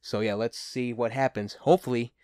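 A man's voice: medium pitch, steady tone, fairly quick, darkish tone, dry recording, studio quality. A man hosting a casual movie review show, talking as an enthusiastic, gushing fan.

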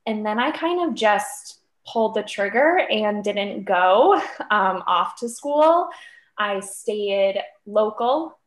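A woman's voice: medium pitch, lively intonation, takes it slowly. Chatty 25-year-old woman in an echoey room. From Cape Cod, Massachusetts. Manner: chatty, upbeat, with many fillers like "um" and "like". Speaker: guest. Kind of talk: casual podcast interview. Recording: roomy echo.

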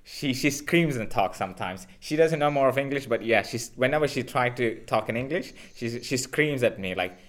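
A man's voice: medium pitch, moderate pace, few pauses. A man from India hosting a casual podcast chat, joking and repeating himself as he talks. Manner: animated, jokey, repeats himself. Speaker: podcast host.

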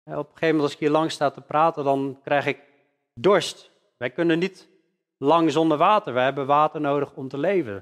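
A male preacher delivers a sermon, pressing on key words with earnest emphasis. His voice sits a little high for a man. A long reverb trails each phrase, as in a large church hall. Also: a little fast.

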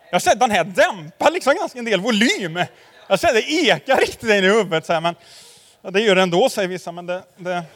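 A man's voice: sits high, fairly bright tone, big-room sound. A man preaching a casual, conversational sermon to a congregation, telling anecdotes and constantly asking them for agreement with tag questions. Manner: anecdotal storytelling, addressing the audience directly. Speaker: pastor. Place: church hall before a congregation.

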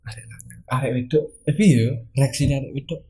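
A man's voice: medium pitch, fairly quick, vocal fry, dark tone. A young man hosting a casual chat, asking questions and talking reflectively. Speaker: host.

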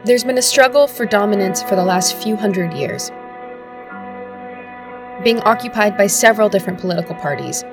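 A woman's voice: medium pitch, moderate pace, pauses often. Woman narrating over guitar music. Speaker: host narrator. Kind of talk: scripted narration.

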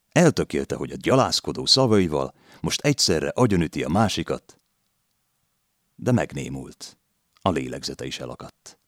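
A man narrating a literary novel in a measured storytelling reading. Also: rumbling low, dry recording, clean studio sound.

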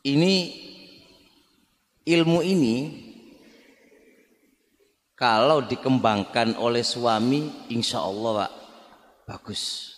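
An Islamic religious teacher with an East Javanese accent gives a study lecture in a reverberant hall, speaking conversationally in a slow, mid-range voice with long pauses. He repeats words and often turns to address his listeners.

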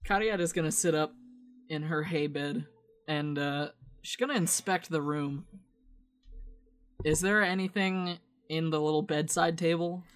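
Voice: medium pitch, a little slow, pauses often, soft background music. A player in a tabletop game, joking and playful. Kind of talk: tabletop role-play.

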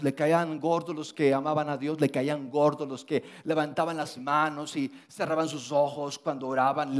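Male pastor, high voice, emphatic sermon delivery with repeated phrases and jokes. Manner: emphatic, repeats phrases for effect, joking asides.

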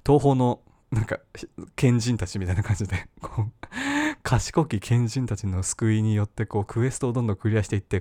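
A man's voice: lowish voice, warm tone, dry recording. A man hosting a podcast on his own, rambling and self-mocking with lots of fillers. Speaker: podcast host. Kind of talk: casual solo podcast talk.

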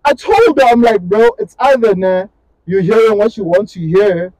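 Young guy with a high voice, slangy storytelling, dry close sound. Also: animated, normal speed, a little mellow, no echo, poor audio. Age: 20s. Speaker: podcast co-host. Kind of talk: casual chat.

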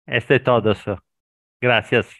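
A man in his fifties from Italy, speaking Spanish with an Italian accent, introducing himself warmly and slipping into Italian words. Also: medium pitch, steady tone, measured pace, no room sound, clean studio sound. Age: 50s. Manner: warm, enthusiastic, slips into Italian words. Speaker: participant in a language exchange call. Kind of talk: casual self-introduction.

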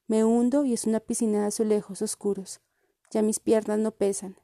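A woman reading a first-person literary story in a calm, measured way. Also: mid-range voice, no room sound, clean studio sound. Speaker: reader.

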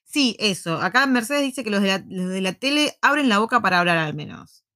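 An Argentine woman with an Argentine Spanish accent, co-hosting a live casual chat at home at a desk mic, measured and plain-spoken. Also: mid-range voice, expressive, pushed and bright, no echo, clean studio sound. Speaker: co-host. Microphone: desk microphone.

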